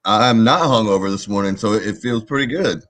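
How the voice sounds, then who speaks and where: Guy co-hosting a sports podcast, kinda low voice, halting casual football takes. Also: fairly bright tone.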